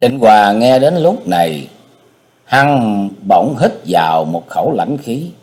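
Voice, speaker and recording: A man narrating a martial-arts novel as an audiobook, with an expressive storytelling cadence. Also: mid-range voice, slow pace.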